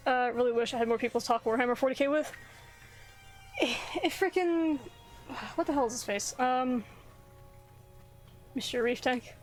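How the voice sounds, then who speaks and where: A woman's voice: high-pitched, moderate pace, long pauses, low-quality recording. A woman streamer chatting casually with viewers while she plays a video game. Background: faint game music.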